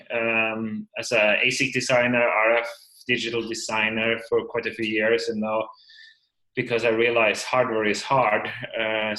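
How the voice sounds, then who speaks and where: A man introduces himself on a video call, pausing often and filling gaps with ums. His voice sits at an ordinary middle pitch. The talk is loose and unscripted. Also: sharp tone, poor audio. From Norway. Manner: hesitant, many fillers and restarts. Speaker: meeting participant introducing himself.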